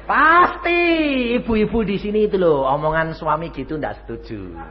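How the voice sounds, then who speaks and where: A man's voice: a little high, moderate pace, some chatter behind. An older male evangelist, preaching by telling stories and acting out the dialogues. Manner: animated, acts out dialogues in many voices. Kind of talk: storytelling sermon. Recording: dull lo-fi with faint background noise.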